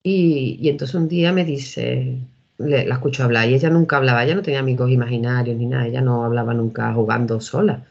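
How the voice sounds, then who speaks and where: A woman's voice: a bass voice, steady tone, quick pace, vocal fry, darkish tone. A woman in her thirties from Seville with an Andalusian accent, telling her own experiences as an interview guest in a rambling way, often restarting. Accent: Andalusian Spanish. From Seville, Spain. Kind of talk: casual storytelling. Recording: dull lo-fi recording.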